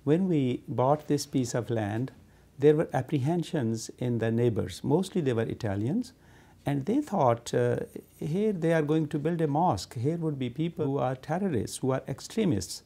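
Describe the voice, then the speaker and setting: A man from the community, interviewed, recalling events in a measured, halting way. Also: medium pitch, expressive, vocal fry, warm tone, husky. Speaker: community member. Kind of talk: interview recollection.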